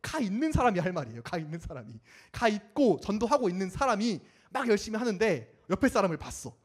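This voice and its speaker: A young man preaching a sermon in a lively way, acting out the voices of the people in his story. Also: sits high, quick pace, breathy edge. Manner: animated, acts out quoted voices.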